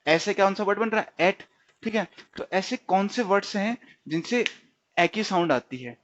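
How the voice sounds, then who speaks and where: A man's voice: high voice, moderate pace, fairly bright tone. A man teaching stenography in a recorded tutorial, often repeating words and quizzing himself. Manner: repeats and quizzes himself, frequent "theek hai". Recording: dull lo-fi recording.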